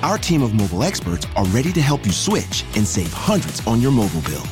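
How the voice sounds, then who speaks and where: A man's voice: lowish voice, very animated, quick pace, music in the background. A man reading a scripted radio ad in an upbeat promotional way. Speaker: ad announcer.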